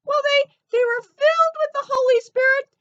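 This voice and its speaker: A woman voicing an earnest young female elephant puppet with a squeaky voice, telling a story eagerly. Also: normal speed, fairly bright tone, muffled recording.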